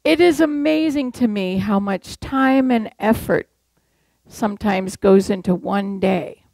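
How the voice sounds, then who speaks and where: At the pulpit, an older woman from Massachusetts delivers a sermon through conversational stories and rhetorical questions to her congregation. She has a mid-range, slightly mellow voice with vocal fry, a measured pace, and no echo.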